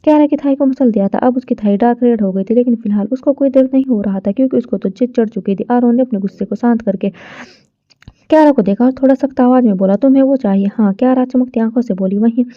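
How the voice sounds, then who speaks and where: A woman narrating a romance story in a soft, steady reading voice, on a dull, dry recording. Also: on the high side, quick pace, no echo.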